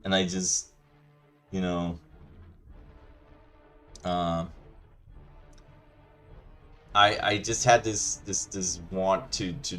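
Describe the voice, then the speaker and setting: A Danish gaming channel host, a native Danish speaker, rants casually over gameplay in a rambling, loose, chatty way full of restarts and "you know." His voice is low with a fairly bright tone.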